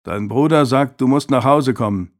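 A man's voice: mid-range voice, moderate pace, natural voice. A man reading as a grave young messenger. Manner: grave, matter-of-fact. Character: serious young man bearing bad news. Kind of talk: audiobook character voice.

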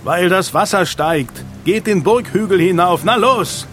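Brief: shouting storm leader, raised pitch, urgent commands, as the audiobook narrator puts him on, music under. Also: male voice, expressive, measured pace. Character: stubborn adult man leading others through a storm.

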